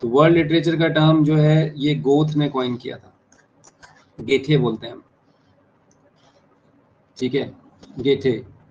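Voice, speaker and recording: Male exam tutor, slightly high flat delivery, dull lo-fi recording with faint hiss. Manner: repeats key terms slowly, spells words out letter by letter. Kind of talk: explaining exam answers to students. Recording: dull lo-fi sound with faint noise.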